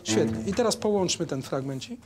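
Male string coach in rehearsal, halting speech, hums phrases, faint strings behind. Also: on the high side, music in the background. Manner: hesitant, sings rhythms and counts beats aloud. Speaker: music teacher coaching a string orchestra. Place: rehearsal room with a string ensemble.

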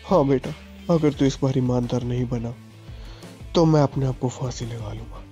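A man's voice: mid-range voice, moderate pace, dark tone, faint music behind. A man voicing an angry poor father who rants and threatens while narrating a game story. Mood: fatherly. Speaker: gaming channel host.

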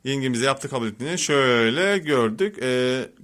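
A man's voice: mid-range voice, lively intonation, a little fast. A man hosting a family quiz challenge in casual chat, playful and teasing, often breaking into laughter. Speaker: channel host running a family quiz challenge. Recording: home video with loud background noise.

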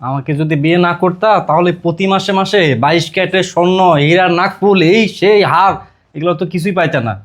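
A performer playing a calm middle-aged husband and father, mild and placating. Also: mid-range voice, fast talker, close to an everyday voice.

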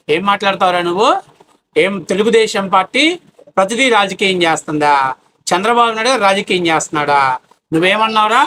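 Fast, bright-voiced man ranting angrily. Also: sits high, slight background noise. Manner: abusive, taunting, shouting rhetorical questions. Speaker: political commentator. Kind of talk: angry political rant.

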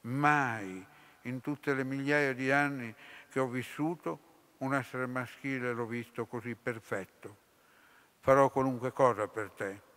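A man's voice: medium pitch, fairly bright tone. A man reading as a languid, hissing serpent spirit in a hall. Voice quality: languid, sibilant. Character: seductive female serpent spirit, languid and sibilant. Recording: long hall reverb.

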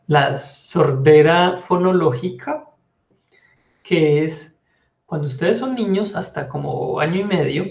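A man's voice: a little high, creaky, darkish tone, reverberant. A man teaching a language lesson, patiently explaining pronunciation and repeating each sound over and over. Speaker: French teacher.

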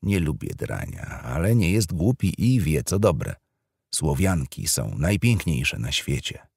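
A man's voice: a bass voice, big pitch swings, a little slow, gravelly, a little mellow, breathy edge, no echo, clean studio sound, exaggerated voice. A man voicing a cheerful, easygoing middle-aged husband in an audiobook. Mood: jovial. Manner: jovial, easygoing.

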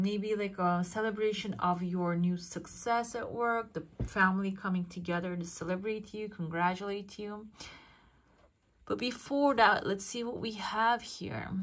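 Casting: female fortune teller and channel host, medium pitch, casual, thinking aloud while addressing the viewer directly. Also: a bit bright. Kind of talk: casual coffee cup fortune-telling reading.

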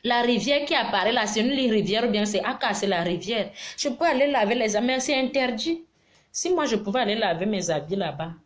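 A middle-aged woman talks to her viewers in a casual live stream. She lectures and teases by turns, scolding one moment and affectionate the next, always animated. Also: a little high, a little fast. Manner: animated, preachy and teasing, mixing scolding with affection. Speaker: live-stream advice giver.

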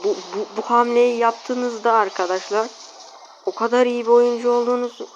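A woman's voice: on the high side, fairly even intonation, normal speed, highs cut off, a little hiss or hum. A woman casually commenting on her own mobile game matches, talking to viewers and opponents, grumbling, exasperated and self-mocking. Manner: self-mocking, jokey asides.

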